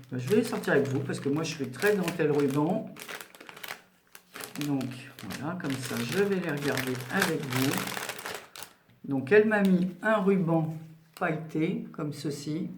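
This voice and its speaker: A woman's voice: sits low, a little mellow, slight background noise. A rambling, chatty woman in her sixties hosts a casual craft unboxing at home. Her voice rings around a roomy, echoing space, with paper and packaging rustling faintly behind her. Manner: rambling and chatty, full of "voilà" and "donc". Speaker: craft channel host. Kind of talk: casual unboxing chat to camera.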